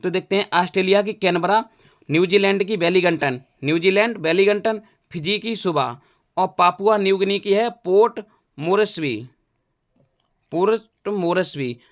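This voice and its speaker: A man's voice: high voice, normal speed, no room sound. A male teacher giving an exam-prep general knowledge lesson, repeating names and making playful wordplay memory tricks.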